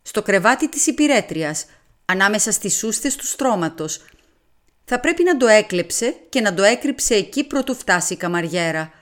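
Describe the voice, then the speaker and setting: A woman voicing a brisk, formal male police inspector who speaks firmly in a storybook reading. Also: medium pitch, expressive, lightly acted.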